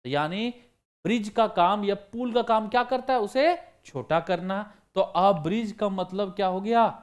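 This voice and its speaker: A high-voiced man, unhurried and measured, teaches exam vocabulary online. He asks the class questions and answers them on his own, repeating the important words.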